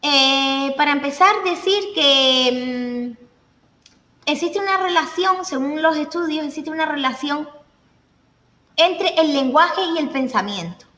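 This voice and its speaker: Female teacher, high voice, classroom lecture with examples and check-ins; roomy, echoey sound. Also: animated, measured pace, sharp tone. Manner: explains step by step with examples and checks with listeners. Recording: echoey room, voice from a distance.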